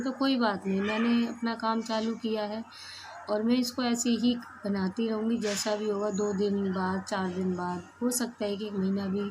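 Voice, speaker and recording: A woman's voice: mid-range voice, background noise. A woman vlogger chatting casually to camera in a rambling, homely way while recovering from a cold.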